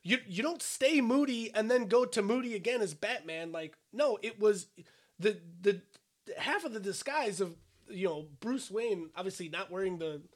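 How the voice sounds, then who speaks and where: Young guy on a podcast, pretty high voice, blunt and sweary, just chatting. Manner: opinionated, swears freely, quick asides. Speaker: podcast co-host. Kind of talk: casual chat.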